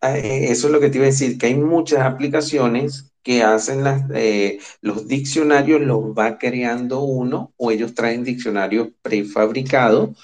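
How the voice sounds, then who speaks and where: A man's voice: mid-range voice, fairly even intonation, normal speed, few pauses, darkish tone. A man talks in a casual interview chat. He hesitates often and restarts his phrases. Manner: hesitant, many fillers and restarts.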